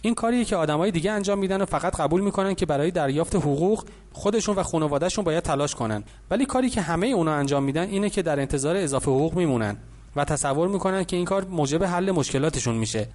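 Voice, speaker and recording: A man voicing a wealthy, confident older mentor who lectures calmly in an audiobook. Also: fairly high pitch, close to an everyday voice. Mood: lecturing.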